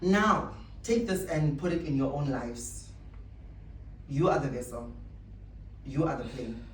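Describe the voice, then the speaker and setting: Speaking at a measured pace and medium pitch, a motivational speaker rallies staff emphatically, leaning on rhetorical questions and repetition. The room is echoey, the mic distant, and there is faint noise.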